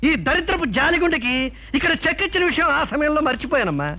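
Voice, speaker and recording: A man's voice: extremely high pitch, lively intonation, quick pace, bright, forceful tone, heavily acted. An actor playing a glib middle-aged con man who talks in a sweetly humble, self-pitying way. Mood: pleading. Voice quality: ingratiating, theatrically humble. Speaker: smooth-talking swindler in a film comedy. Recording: dull old film soundtrack with music.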